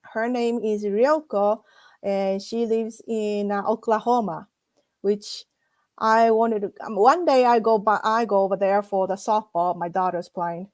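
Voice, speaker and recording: A woman hosting a casual interview, talking in a halting, chatty way with many restarts. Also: medium pitch, steady tone, a little mellow, dry recording. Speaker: host.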